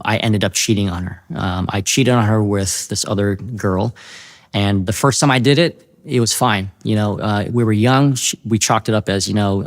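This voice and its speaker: A man sharing his personal testimony in an earnest, halting way, often restarting his sentences. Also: on the low side. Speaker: testimony speaker.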